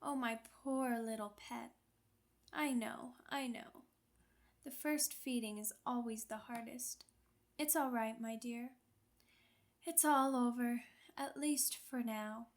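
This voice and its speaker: In an ASMR roleplay, a woman plays a sadistic female vampire, her fairly high voice very unhurried and its intonation fairly even. Seductive and commanding, she delivers an intimate scripted monologue with slow, deliberate teasing menace, condescending pet names, and a mock-tender, possessive tenderness, as though addressing a possession.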